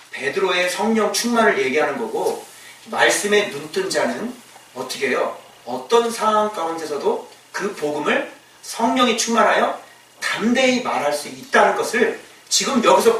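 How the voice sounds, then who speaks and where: A man preaching as a pastor, lively and emphatic, who shouts out quoted lines and fires rhetorical questions at the congregation. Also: high voice. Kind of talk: sermon. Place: church sanctuary. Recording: echoey church hall mic at a distance.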